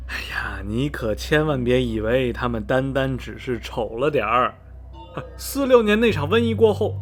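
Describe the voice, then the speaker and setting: In a natural, medium-pitched voice, a man plays a middle-aged small-town gossip for a radio drama, sighing and dragging out phrases dramatically, skeptical yet repelled. The animated storytelling carries a disgusted, ominous mood.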